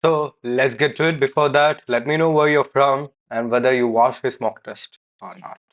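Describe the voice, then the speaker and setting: A man's voice: mid-range voice, fairly even intonation, normal speed, fairly bright tone, muffled recording. A man giving feedback on a speaking test, explaining corrections and replaying answers as a coach. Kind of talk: feedback commentary on a recorded test.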